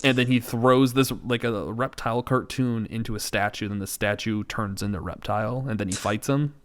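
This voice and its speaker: Speaking at normal speed in a low-leaning, steady, clear and resonant voice, a male podcast co-host wanders through a casual pop culture chat. He's opinionated, with a sarcastic, joking edge.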